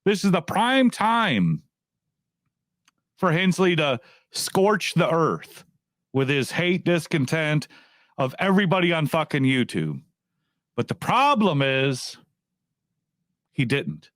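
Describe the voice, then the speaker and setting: A man rants to his online audience with a swinging, animated pitch that sits a little high for a man. He swears freely and circles back over the same phrases. The sound is close and dry, with no room around it. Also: dry recording. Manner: profane, repetitive, restarts phrases. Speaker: YouTube commentator. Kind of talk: casual rant to camera.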